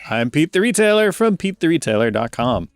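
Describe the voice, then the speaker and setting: A man's voice: fairly high pitch, big pitch swings, a little fast, clear, resonant tone, no echo, studio quality, faint music behind. A man co-hosting a podcast in casual, wry conversation. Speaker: podcast co-host.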